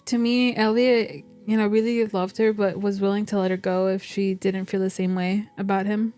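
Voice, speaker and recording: A woman's voice: mid-range voice, flat delivery, moderate pace, dark tone, soft background music. A woman giving casual commentary while playing through a mystery game. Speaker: player discussing a mystery game.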